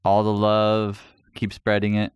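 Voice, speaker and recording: A man's voice: on the low side, monotone, a little slow, smooth, no room sound, dull audio. A man co-hosting a casual podcast, joking and rambling with restarts. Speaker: podcast co-host. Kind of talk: casual chat.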